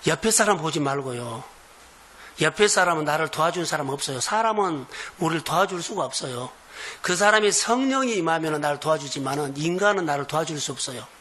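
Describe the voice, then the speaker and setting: A man preaching a sermon as pastor of a church, in earnest, slow, emphatic phrases. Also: fairly high pitch, fairly bright tone, slight background noise. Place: church sanctuary.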